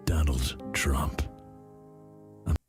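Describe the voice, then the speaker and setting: A man narrating a meme story in a slow, deadpan way, his voice pitched way down so it sounds unnaturally deep. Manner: slow, flat, deadpan delivery. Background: music playing under the voice.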